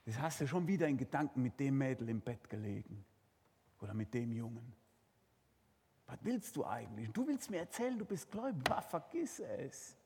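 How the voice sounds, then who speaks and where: A man voicing a sly, mocking male tempter spirit in a hushed, taunting whisper during a sermon. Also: high voice, lively intonation, normal speed, hardly any pauses, in a large hall, a little hiss or hum.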